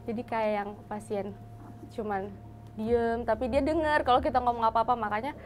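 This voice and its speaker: Animated young woman with slang. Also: a little high, normal speed, crowd noise. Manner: animated, acts out quoted dialogue in shifting voices. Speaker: hospital nursing intern telling a ghost story. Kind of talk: casual storytelling.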